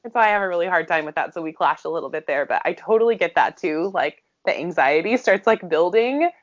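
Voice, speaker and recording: A woman's voice: on the low side, animated, fast talker. A woman from the United States co-hosting a podcast in casual chat, talking with giggly enthusiasm and many uses of "like". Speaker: podcast co-host. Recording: slightly dull, lo-fi audio.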